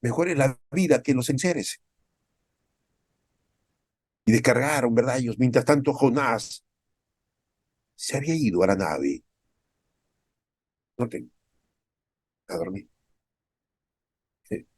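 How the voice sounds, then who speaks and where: A man's voice: medium pitch, slow, long pauses, husky, no room sound, clean studio sound. A male pastor with a Peruvian Spanish accent preaching a devotional sermon. He keeps asking the listeners rhetorical questions and acts out quoted people in a raised voice. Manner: animated, often acts out quoted speakers in a raised voice.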